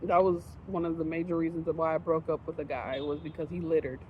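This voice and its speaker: A woman's voice: sits low, steady tone, fast talker, highs cut off, a little hiss or hum. A woman vlogger chatting casually to camera while eating outdoors, with a frank, profane, laughing way of ranting.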